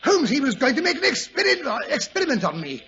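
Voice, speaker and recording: An actor playing a pompous, flustered older English doctor in a 1940s radio drama, blustering and stammering in a raspy British voice. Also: male voice, extremely high pitch, wildly swooping pitch, fast talker, sharp tone, soft background music, full character voice. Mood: indignant, flustered. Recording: dull vintage radio recording.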